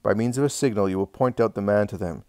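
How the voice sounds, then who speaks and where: A sneering, scheming male temple elder, as read aloud by a man. The tone is low and dry, close to the mic. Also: quick pace, darkish tone, clear, resonant tone, dry recording, lightly acted. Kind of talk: reading a religious text aloud.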